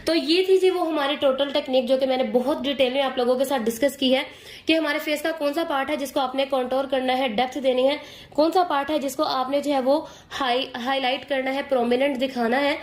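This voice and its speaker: A woman with a high voice teaches makeup step by step, sounding hoarse as she strains to talk. She explains patiently and keeps checking in with her viewers. The room has a noticeable echo. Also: steady tone, brisk. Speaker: makeup tutor.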